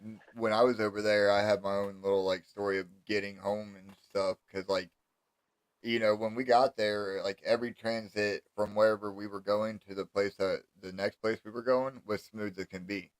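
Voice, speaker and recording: An American man hosts a relaxed-format chat in a low voice. His intonation stays even and flat, and he talks in an informal, conversational way as he asks questions and shares stories. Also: moderate pace, smooth, no echo, rough recording. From United States. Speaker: interviewer, host. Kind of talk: casual chat.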